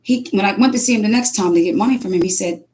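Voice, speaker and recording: A mother speaking casually, telling an animated spiritual testimony full of restarts and acted-out quotes. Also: mid-range voice, rapid-fire.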